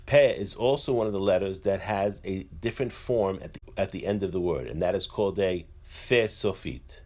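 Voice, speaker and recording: A man calmly and methodically explaining letters one by one, in a slow instructional way. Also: deep voice. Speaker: teacher. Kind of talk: instructional narration.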